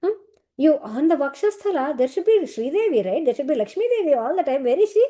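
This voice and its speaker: Lady doing a divine boar lord, higher than her usual voice, firing off worried questions, mellow tone. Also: big pitch swings. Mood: worried, questioning. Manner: pressing rapid questions.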